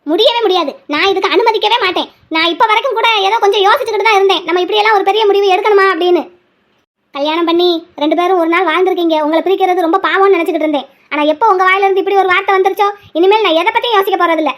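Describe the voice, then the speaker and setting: A fierce, stubborn village grandmother, played by a woman snaps out her words at a quick clip. The voice sits very high, and she scolds with total certainty. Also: fairly bright tone. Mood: stern. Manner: firm, scolding, rapid delivery. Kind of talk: hobby drama dialogue.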